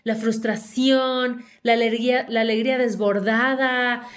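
A woman's voice: on the high side, fairly even intonation, unhurried. A woman from Yucatán with a Yucatecan Mexican accent, co-hosting a podcast in a playful, slangy chat full of laughter. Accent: Yucatecan Mexican Spanish. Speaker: podcast co-host. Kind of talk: casual chat.

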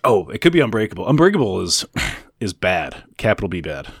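A man co-hosting a sports podcast, chatting casually with jokey asides and quick laughs. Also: lowish voice, big pitch swings, husky, no room sound, studio quality. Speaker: podcast co-host.

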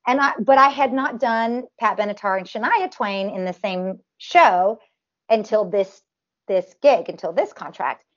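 A nasal-voiced woman, a tribute performer appearing as a guest, chats casually in an interview with an unhurried, mid-range delivery. She talks in long runs packed with restarts and fillers, and the recording has its highs cut off.

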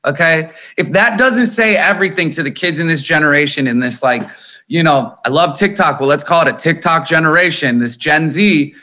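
This man from Minnesota, in his thirties, has a voice on the high side and speaks at normal speed. A guest musician in an interview, he talks candidly, animatedly and emphatically, swearing often.

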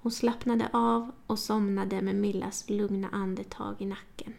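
Gravelly-voiced woman narrating an audiobook. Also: medium pitch, flat delivery, a little mellow. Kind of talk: scripted narration.

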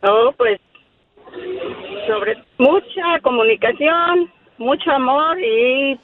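A woman in her fifties calling in to a radio show, calmly and earnestly answering the host's questions. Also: sits high, very slow, a little hiss or hum. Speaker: caller. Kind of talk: phone-in chat. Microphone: telephone. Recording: dull phone line.

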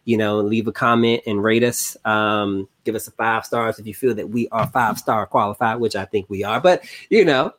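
A man, co-hosting a casual podcast, relaxed and full of fillers and repeats. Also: on the low side, normal speed, few pauses. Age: 30s. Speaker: podcast co-host. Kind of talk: casual chat.

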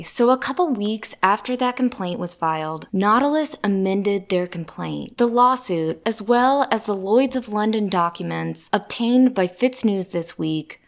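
A woman podcast host reading scripted advertising narration. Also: mid-range voice.

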